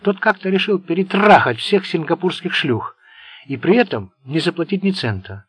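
A man's voice: high-pitched, animated, moderate pace, a bit bright, breathy edge, no echo, pitched above the performer's own voice, full character voice. A man voicing a bitter, sardonic Italian gangster who rambles nervously. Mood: anxious. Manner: sarcastic, venomous.

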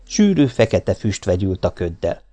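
A man narrating an audiobook in a steady, even storytelling read. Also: sits low.

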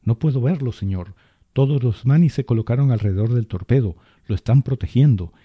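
A man's voice: mid-range voice, fairly quick, breathy edge, dry recording, highs cut off, lightly acted. Man reading as an uneasy boatswain. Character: anxious male boatswain at surveillance screens.

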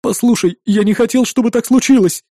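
A man voicing a frightened young male sidekick near tears, talking in rushed, broken sentences. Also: extremely high pitch, warm tone, no room sound, studio quality, pitched above the performer's own voice. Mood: panicked.

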